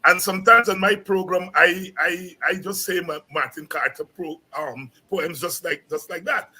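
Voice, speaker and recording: This interview guest, a university lecturer from Guyana in his sixties, has a voice that sits high with a breathy edge, speaking at normal speed in a Guyanese accent. He tells stories animatedly while reflecting, frequently repeating words as he begins a thought.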